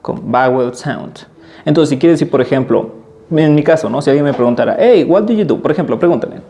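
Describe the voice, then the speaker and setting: A man teaching an English lesson in Spanish, patiently repeating example phrases slowly and clearly. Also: medium pitch, warm tone, a little hiss or hum. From Mexico.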